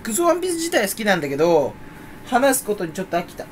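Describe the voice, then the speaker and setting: A young man rambling in casual, rough speech on his own vlog, grumbling with mock indignation. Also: sits high, wildly swooping pitch, fast, a little hiss or hum. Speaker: YouTuber. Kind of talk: casual solo vlog talk.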